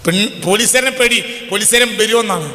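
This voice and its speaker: A man with a Malabar accent delivers a sermon in a high, sharply bright voice. He keeps questioning the audience and pushes them to reply. The sound is echoey, as if caught in a large hall with a long reverb. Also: brisk. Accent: Malabar Malayalam. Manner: asks the audience questions and presses them to answer. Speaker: Islamic preacher.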